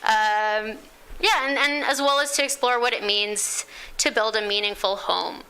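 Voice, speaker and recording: A woman speaks to a small community audience in a relaxed, self-deprecating way, peppering her talk with ums. Her voice is bright and crisply clear. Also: fairly high pitch, unhurried. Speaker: community presenter.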